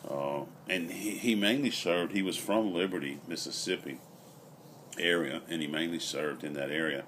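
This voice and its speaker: A middle-aged man chats casually and reflectively, rambling with frequent pauses, recorded outdoors on a patio. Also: sits low, a bit bright. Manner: unhurried, rambling, pausing often. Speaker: vlogger. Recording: noisy outdoor ambient recording.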